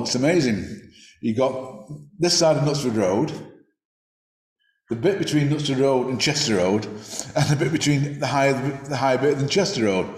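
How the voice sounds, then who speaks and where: In a roomy, echoing space, a man gives a sermon with a darkish tone at ordinary middle pitch. His delivery is reflective and conversational, with the occasional restarted phrase.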